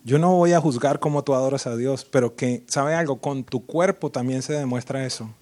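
A man preaching a sermon as a pastor, lively and full of sudden loud rises and teasing impressions of worshippers. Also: mid-range voice, moderate pace.

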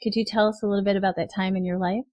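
A woman's voice: medium pitch, flat delivery, racing, a little mellow, no room sound. A woman hosting an interview podcast, asking questions in an upbeat, eager way and laughing often. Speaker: podcast host.

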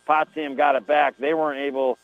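A man announcing a live high school football game over AM radio, in a folksy, chatty way as he rattles off scores and plays. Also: flat delivery, fairly quick. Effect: AM radio broadcast sound. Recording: tinny, dry AM radio line.

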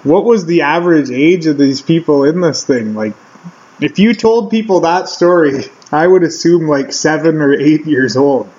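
A man's voice: fairly high pitch, moderate pace, a little mellow. A man co-hosting a casual podcast, reacting with amused questions and swearing. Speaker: podcast co-host. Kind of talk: casual chat. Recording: dull lo-fi sound.

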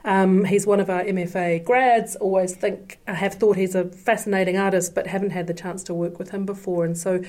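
A woman curator, voice gravelly from recent illness, talking in a panel discussion in an enthusiastic, thoughtful way with many ums. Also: medium pitch, fairly even intonation, a little fast, few pauses, darkish tone. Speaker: curator and associate professor.

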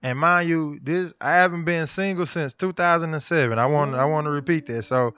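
Rambling podcast host with a dry close sound. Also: male voice, on the high side, a little fast, a bit bright, smooth, dry recording. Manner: loose, rambling, repeats words. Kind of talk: casual podcast chat.

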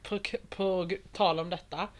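A young woman chatting casually, expressive and laughing, swearing now and then. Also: lowish voice, over a noisy crowd. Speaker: reality show contestant. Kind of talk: casual podcast chat.

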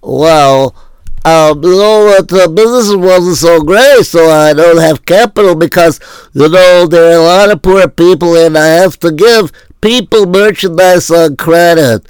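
Debt-ridden shopkeeper, played by a man, slow, smooth, dry close sound. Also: on the high side, no room sound, lightly acted, rough recording. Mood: worried.

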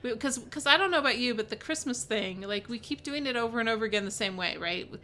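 A woman with a bright, fairly high voice hosts a casual devotional podcast. She talks loosely, looping back with fillers and restarts and checking in with a quick "right?" She sounds like she is thinking out loud with a friend. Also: animated, slight background noise. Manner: chatty, many fillers and restarts, asks "right?". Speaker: podcast host and Bible teacher.

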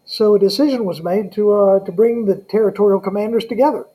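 A man with a Southern US accent speaks in a high, mellow voice. He gives conversational answers as an interview guest, often pausing and hesitating as he goes. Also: rough recording. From Southern United States. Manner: halting, with frequent hesitations. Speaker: guest, Salvation Army colonel.

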